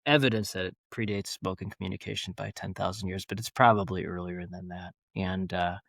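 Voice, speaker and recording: A man's voice: sits low, steady tone, a little fast, gravelly, a bit bright. A man talking as a podcast guest, rambling and enthusiastic, with many fillers and restarts. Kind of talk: casual interview talk.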